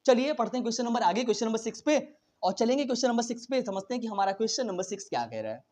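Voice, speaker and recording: A man teaching an exam-prep lesson at a very fast pace, chatty and casual, mixing in English terms and often checking in with his students. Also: very high voice, animated, darkish tone. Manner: very fast talker, says he cannot slow down.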